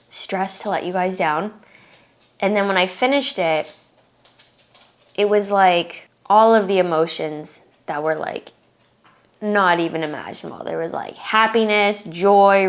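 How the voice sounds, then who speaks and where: A young woman talking casually to her viewers in a vlog, earnest and emotional, with lots of filler words. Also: fairly low pitch. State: tearful at times. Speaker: fitness competitor and vlogger.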